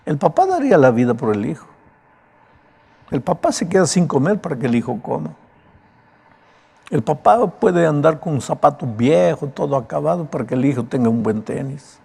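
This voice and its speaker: A pastor giving a sermon, with a broken, raspy voice and an emphatic, conversational way of preaching. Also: male voice, on the high side, sing-song, normal speed, darkish tone.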